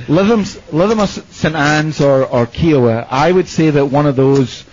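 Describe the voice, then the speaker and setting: A man's voice: on the high side, a little slow, darkish tone, slight background noise. Chatty male radio host, muffled audio. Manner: chatty, joking, hesitant with fillers. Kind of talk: casual radio chat. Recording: dull radio broadcast audio.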